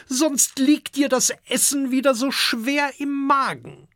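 A man voicing a motherly female dragon who scolds and fusses briskly, in a children's audiobook. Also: extremely high pitch, fairly even intonation, a bit bright, no echo, studio quality, voice pushed up, full character voice. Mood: scolding motherly.

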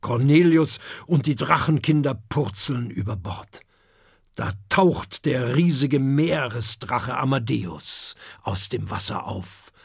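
A narrator reading a children's story aloud, expressive and unhurried. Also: mid-range voice, gravelly, slightly rough, no echo, studio quality. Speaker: audiobook narrator.

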